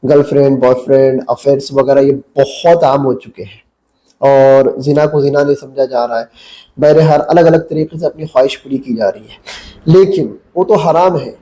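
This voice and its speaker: A man's voice: on the high side, dark tone, rough recording. A male mufti giving a religious talk to camera, telling a story and then preaching in a blunt, combative, lecturing way. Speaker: mufti, Islamic cleric.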